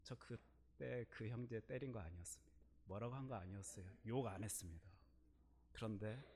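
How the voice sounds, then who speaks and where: In a mid-range voice, a middle-aged man preaches, weaving in a personal story. His tone shifts back and forth between soft side remarks and forceful, loud emphasis.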